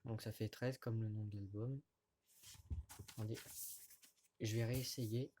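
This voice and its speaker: A man casually showing vinyl records to his camera, talking in a halting way with many fillers and restarts, recorded indoors at home. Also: on the low side, fairly even intonation, mellow, slight background noise. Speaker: record collector vlogger. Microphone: camera mic at close range.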